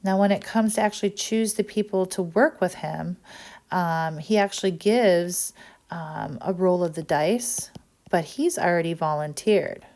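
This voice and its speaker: A woman's voice: fairly low pitch, unhurried, a little mellow. Woman teacher walking through a text. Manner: explanatory, many "um"s and "right?" checks. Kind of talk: recorded literature lesson.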